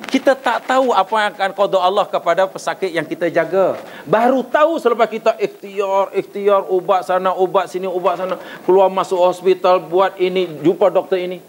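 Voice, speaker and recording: A middle-aged man with a Malaysian Malay accent gives a religious lecture in a fairly high voice. He preaches with energy and keeps asking his listeners questions. A faint hiss sits under the recording. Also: fairly quick, hardly any pauses, low-quality recording. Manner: lively preaching with rhetorical questions and acted prayers.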